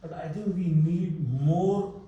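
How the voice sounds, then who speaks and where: A man's voice: high voice, steady tone, slow pace, dark tone, lo-fi sound. A man speaking playfully at a launch event and handing over to the next speaker. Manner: playful, light teasing. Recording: roomy hall from far off.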